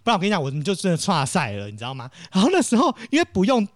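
Animated storyteller with Taiwanese Mandarin accent. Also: male voice, sits high, very fast, dry recording, clean studio sound. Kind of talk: casual chat, storytelling.

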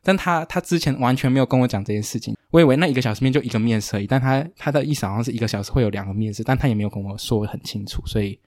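A man hosting a podcast, telling anecdotes in a rambling, casual way with quick asides. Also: mid-range voice, a little mellow, no echo, clean studio sound. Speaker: podcast host. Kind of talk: casual chat.

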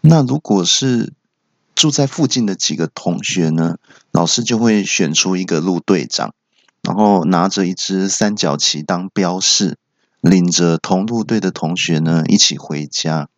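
A man from Taiwan, hosting a comedy podcast and telling self-mocking stories in a deadpan way. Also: deep voice, unhurried, no room sound, dull audio. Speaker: podcast host. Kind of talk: comedy monologue.

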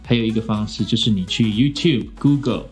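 A man's voice: lowish voice, a little fast, faint music behind. Easygoing man, podcast co-host. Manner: easygoing, self-mocking, laughs often. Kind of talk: casual chat.

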